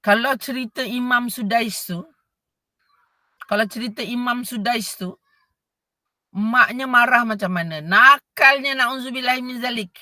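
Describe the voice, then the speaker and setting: Bright, deliberate Malaysian woman teacher. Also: on the high side, no room sound. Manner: expressive, acts out scolding voices. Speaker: vocal coach. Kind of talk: voice class talk.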